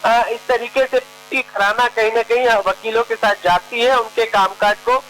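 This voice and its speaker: A male bureau chief reporter explaining a story live to an anchor, halting with many fillers. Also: very high-pitched, fairly even intonation, a bit bright, a little hiss or hum, low-quality recording.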